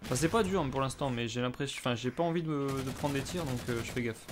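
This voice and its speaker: A man fast-talks over music while commenting live on his own gameplay, mid-range in pitch. He's casual and hesitant, swearing and breaking into sudden exclamations.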